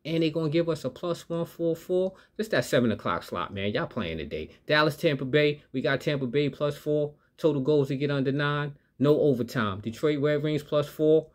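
Hyped man pitching bets to viewers. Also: animated, moderate pace, few pauses. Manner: upbeat, hypes viewers, talks straight to the audience. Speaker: sports betting channel host. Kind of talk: hyped betting picks vlog.

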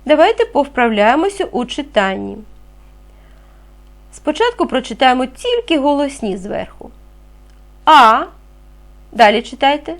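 A woman teaching a reading lesson to young children, speaking clearly and patiently, asking them questions as she goes. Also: sits high, sing-song, moderate pace. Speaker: primary school teacher.

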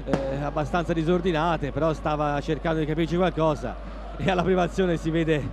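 A man's voice: fairly high pitch, fairly even intonation, brisk. A man giving live football analysis as co-commentator from a noisy stadium. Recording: noisy stadium broadcast with crowd. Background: stadium crowd noise.

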